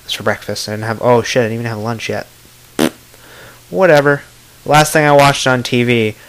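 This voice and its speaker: A man's voice: medium pitch, a bit bright, smooth, rough recording. A man from Florida casually answering tag questions to the camera in a blunt, offhand way, swearing freely. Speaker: vlogger.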